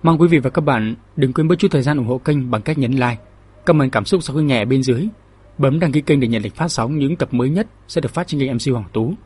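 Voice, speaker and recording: A man hosting his channel and narrating a martial-arts novel audiobook in a steady, measured storytelling manner. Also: medium pitch, breathy edge.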